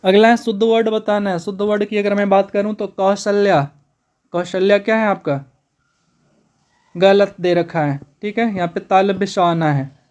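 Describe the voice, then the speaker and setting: A man teaching a spoken exam-prep lesson, brisk and repetitive, calling his students brother. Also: high voice, steady tone, darkish tone, dull audio.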